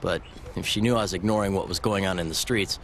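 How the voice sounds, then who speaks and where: A man's voice: low-pitched, fairly even intonation, fast talker, fairly bright tone, a little hiss or hum. A man voicing a wisecracking young superhero in a video game, narrating in a wry, quippy way.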